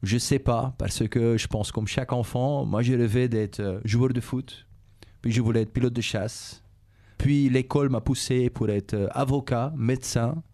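A middle-aged Belgian business executive, a native Dutch speaker, answers schoolchildren's questions in French with a Flemish accent. His male voice is medium-pitched, steady and mellow, and his calm, measured explanations are full of hesitations, repetition, "euh" and "et cetera".

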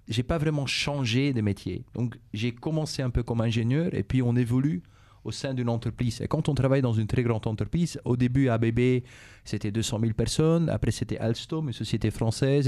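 With a warm, mid-range male voice, a middle-aged Belgian executive answers questions from schoolchildren in French, his Flemish accent showing that Dutch is his first language. He keeps the interview answers calm and explanatory, measured in pace, with frequent hesitations, repetition, and many an "euh" or "et cetera."

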